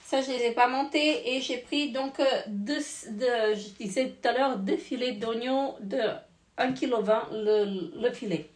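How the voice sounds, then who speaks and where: A hoarse woman in her forties casually showing her grocery haul, rambling with lots of fillers and self-corrections. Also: on the high side, a little slow, reverberant.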